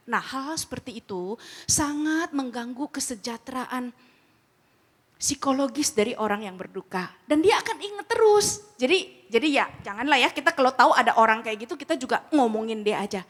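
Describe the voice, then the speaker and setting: A middle-aged woman giving a casual teaching talk on grief care, acting out quoted exchanges in lively, slangy speech. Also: high voice, fairly quick. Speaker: speaker at a church grief ministry training.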